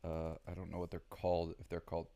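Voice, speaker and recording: Gravelly low Southern man thinking aloud. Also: monotone, quick pace, mellow. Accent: Southern American. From Southern United States. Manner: rambling, thinking aloud with many ums. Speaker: gaming video creator. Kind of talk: casual gameplay commentary.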